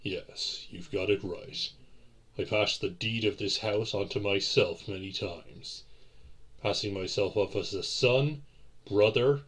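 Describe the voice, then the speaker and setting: In a romantic audio roleplay, a man voices a centuries-old vampire gentleman with a very low, husky voice. Courtly and brooding, he speaks slowly to his lover in formal, old-fashioned phrasing. The performance is heavily acted, with a measured, confiding mood.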